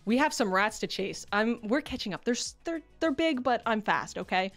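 A woman's voice: a little high, big pitch swings, normal speed. A woman streamer chatting casually on a livestream in a playful, giggly, self-deprecating way. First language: English. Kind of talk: casual livestream chat, debut introduction. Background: background music.

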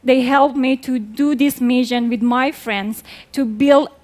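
A woman's voice: sits high, fairly even intonation, measured pace, darkish tone. A woman in her twenties from Afghanistan, giving an earnest talk on a theater stage through a headset mic. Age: 20s. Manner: earnest, plain phrasing, with hand gestures. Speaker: speaker. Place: large dark theater stage.

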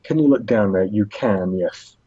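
A man narrating as game master in a relaxed way, thinking aloud with fillers. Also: fairly low pitch, normal speed, husky, no echo. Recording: dull lo-fi recording.

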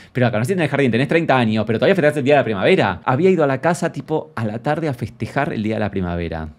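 A man's voice: lowish voice, lightly acted. A man with a Rioplatense Spanish accent playing a brash, gossipy female friend character, reading out a viewer's story and mocking it in a camp, theatrical way. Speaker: comedy creator reading viewer anecdotes in character. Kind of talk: character comedy monologue.

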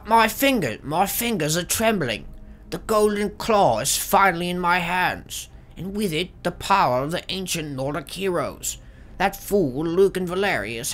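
Man putting on a theatrical high-pitched old adventurer. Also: a bit bright. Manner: theatrical, raised reading voice. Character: old man adventurer, gleeful treasure seeker.

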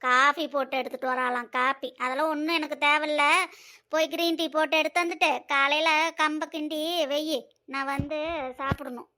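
A woman's voice: high voice, steady tone, brisk, sharp tone. A bossy scolding old mother-in-law. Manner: scolding, complaining. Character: bossy older mother-in-law, dieting and demanding. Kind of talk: cartoon voice acting.

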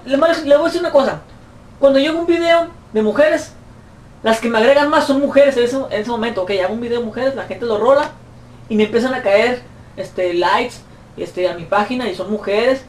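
A man with a Mexican accent, a YouTuber answering fan questions in a profane, mocking comic rant. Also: normal speed. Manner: profane, mocking, shrill put-on voices when quoting. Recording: roomy echo, distant mic, faint noise.

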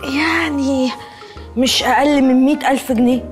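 An actress with an Egyptian accent playing a brash, sharp-tongued poor young woman who mocks and jeers at others. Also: high voice, fairly even intonation, normal speed, soft background music, lightly acted. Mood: mocking. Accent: Egyptian Arabic. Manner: mocking and loud-mouthed. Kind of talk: TV comedy series acting.

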